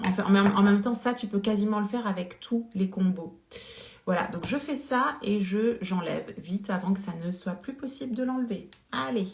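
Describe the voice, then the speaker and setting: A woman's voice: mid-range voice, a little mellow, slight background noise. A woman hosting a casual live-stream product demo, chatty and full of fillers, greeting viewers by name. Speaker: beauty live-stream seller. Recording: roomy echo.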